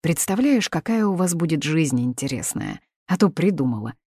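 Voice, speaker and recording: Woman voicing middle-aged father, calm, firm, measured, low, dry sound. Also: slightly rough, no echo, heavily acted.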